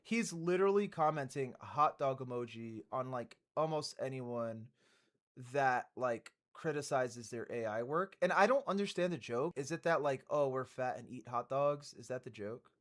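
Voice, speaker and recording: A man's voice: mid-range voice, lively intonation, normal speed. A man giving casual, rambling reaction commentary on music news as a streamer, swearing and laughing often.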